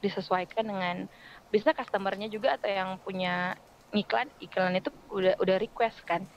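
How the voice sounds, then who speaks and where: A chatty woman with an Indonesian accent, a radio voice-over artist explaining her work in a relaxed podcast chat. She talks at an easy, mid-pitched level and fills her points with quick examples. There is a faint hiss under her voice. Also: low-quality recording.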